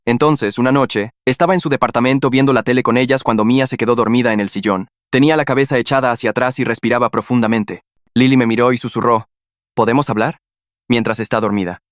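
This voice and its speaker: A man narrating a scripted first-person story in a brisk, steady read. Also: medium pitch, no echo, studio quality.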